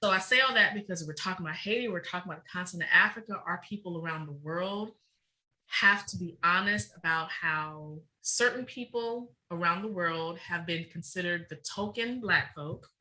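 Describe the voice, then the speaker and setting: On a podcast, a middle-aged researcher guest talks with passion and emphasis, her words pouring out quickly. She has a lowish, bright, forceful voice, captured in poor audio.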